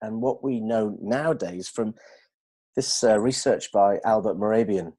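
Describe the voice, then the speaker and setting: A middle-aged man explaining communication skills in a steady, teaching manner during a discussion. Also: lowish voice, measured pace. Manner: steady, explanatory, demonstrates tones of voice. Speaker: communication trainer.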